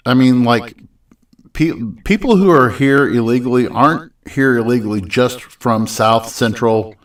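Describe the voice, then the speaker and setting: A man's voice: mid-range voice, unhurried, recorded from a distance. A man co-hosting a casual podcast, talking politics in a rambling, hesitant way full of restarts. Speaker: podcast co-host.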